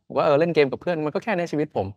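A man's voice: a little high, fairly even intonation, very fast, no room sound, lo-fi sound. A man from Thailand in his thirties, a podcast guest chatting casually in loose, slangy talk. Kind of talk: casual chat.

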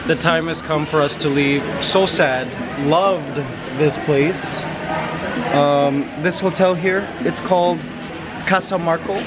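A man's voice: a little high, slow pace. A man in his thirties hosting a casual travel vlog outdoors, talking into a camera held at arm's length and exclaiming often. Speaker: vlogger host. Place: outdoors on streets, a tricycle and a small boat. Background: loud background music.

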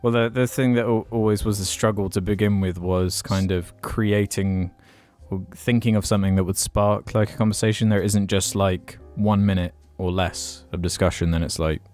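Young man with a lowish voice. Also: steady tone, moderate pace, hardly any pauses, darkish tone, soft background music. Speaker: podcast co-host. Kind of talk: casual podcast chat. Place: small padded attic room. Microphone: podcast mic on boom arm.

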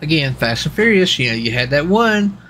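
Streaming a role-play game live, this man keeps up a loose, rambling, repetitive chatter. His fairly high, bright voice swings widely in pitch and sounds forceful, moving at a moderate pace over faint background noise.

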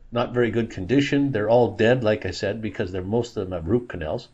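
A man in his sixties narrates a casual vlog in a dental clinic, chatty and plain-spoken, laughing at himself. His voice has a medium pitch and a darkish tone.

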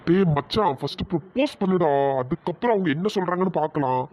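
A voice performer playing an easygoing young male friend who gives calm advice. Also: mid-range voice, fast, natural voice. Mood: advising. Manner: calm and advising. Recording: dull lo-fi voice track.

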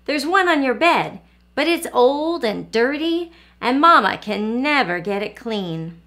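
A woman's voice: measured pace, exaggerated voice. A woman voicing an eager, impatient young girl in a storybook read-aloud. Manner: high and excited.

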